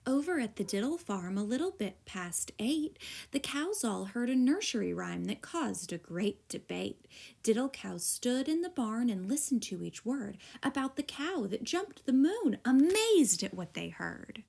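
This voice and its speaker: A woman with a slightly high, gravelly voice reads a children's picture book aloud like a teacher. Her storytelling is expressive and deliberate.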